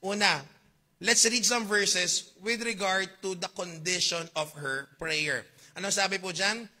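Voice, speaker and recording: A man with a Filipino accent preaching a sermon, reading old-fashioned scripture slowly and asking his congregation questions. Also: high voice, sharp tone. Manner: mixes Tagalog and English, reads KJV verses slowly; asks the congregation questions, jokes. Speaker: pastor.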